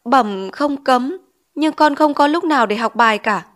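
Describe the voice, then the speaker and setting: A woman's voice: high voice, normal speed, a bit bright, voice pushed up. A woman voicing a poor, timid schoolboy in an audiobook, answering meekly and politely. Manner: meek, polite address. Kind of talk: audiobook character reading.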